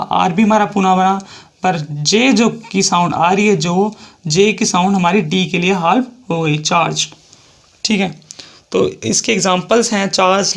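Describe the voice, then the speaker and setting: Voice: mid-range voice, gravelly. A shorthand teacher with an Indian accent explaining a lesson step by step, repeating each example and spelling words out letter by letter.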